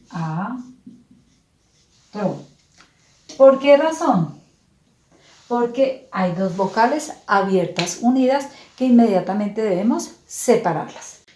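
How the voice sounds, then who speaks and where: Profesora de habla pausada y clara. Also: female voice, a little high, darkish tone, echoey room. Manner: patient, syllable-by-syllable enunciation. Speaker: teacher. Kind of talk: slow, clear classroom explanation.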